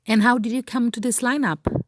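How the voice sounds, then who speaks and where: A woman's voice: a little high, fairly even intonation, normal speed. Woman host, upbeat podcast intro. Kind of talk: scripted intro, then interview questions.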